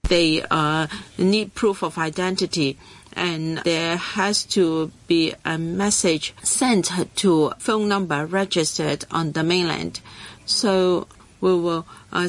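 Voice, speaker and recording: A woman speaking as a live interpreter, rendering an official's words in halting phrases with "uh" pauses between them. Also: on the low side, steady tone. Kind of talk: simultaneous interpretation at a hearing.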